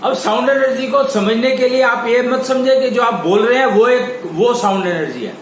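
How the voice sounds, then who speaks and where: A man teaching a spiritual lecture, explaining in a slow, halting way with many pauses. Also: very high-pitched. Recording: echoey room with faint ambient noise.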